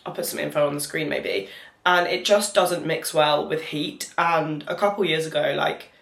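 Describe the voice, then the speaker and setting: A woman's voice: low-pitched, steady tone, normal speed, vocal fry, a bit bright. A young British woman chatting casually to camera, candid and rambling, dropping "like" into her sentences as she recounts her experience. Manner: rambling, candid, frequent filler "like". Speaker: vlogger. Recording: roomy echo.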